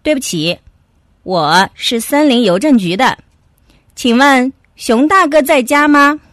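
A woman's voice: sits high, expressive, slow, fairly bright tone, dry recording, studio quality, heavily acted. A woman voicing a polite male mail carrier from the forest post office in a children's story. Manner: polite and formal.

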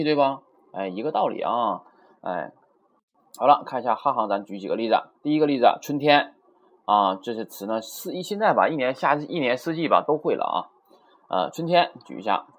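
Chatty man teaching with a lively voice. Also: medium pitch, slightly rough. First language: Chinese. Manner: chatty, asks many tag questions. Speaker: Japanese teacher. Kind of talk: casual recorded lesson.

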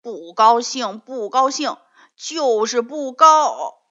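A woman voicing a contrary, bossy schoolboy in a children's story, calling out loudly and urgently. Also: sits high, big pitch swings, measured pace, voice pushed up. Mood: loud, startled. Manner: loud, urgent, demanding calls. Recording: dull lo-fi recording.

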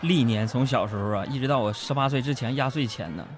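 A man with a Northeastern Mandarin accent, hosting a comic radio show and telling listener stories with lively delivery. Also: mid-range voice, fast talker. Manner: lively storytelling, acts out quotes. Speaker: radio host reading listener jokes. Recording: radio studio with music bed.

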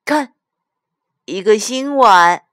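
Storybook casting: a small girl bear cub, high and pleading, slow, dry close sound, a woman putting her on. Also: expressive, no room sound. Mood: eager. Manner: pleading, questioning.

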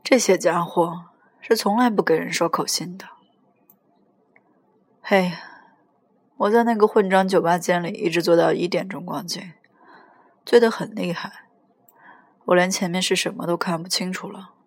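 A woman reading a first-person novel aloud in a plain, even storytelling manner. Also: fairly low pitch, normal speed, pauses often, husky, dry recording. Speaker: audiobook reader.

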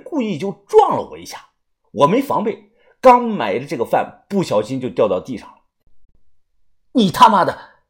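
Man narrating with lively swings of pitch. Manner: casual storytelling, swings of pitch. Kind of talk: first-person audiobook narration.

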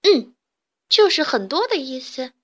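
A chirpy young alien chick, a little boy from the stars who explains things with eager pride, as a woman reading a storybook puts him on. The voice sits fairly high and bright in the story's cheerful tone. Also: very animated, a little slow. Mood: lively. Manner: chirpy, eager and a bit proud. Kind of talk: storybook character voice.

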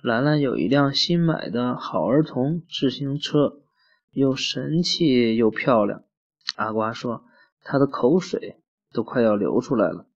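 A man's voice: mid-range voice, lively intonation, measured pace. A man reading a children's story aloud in a plain way, with small slips and self-corrections. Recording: muffled lo-fi recording.

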